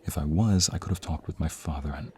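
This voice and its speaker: Fast-talking and bass-voiced, with a darkish tone, a man plays a protective young mobster's son in an ASMR roleplay drama. He is intimate, earnest, tender and worried toward his lover, yet capable of turning menacing when threatened.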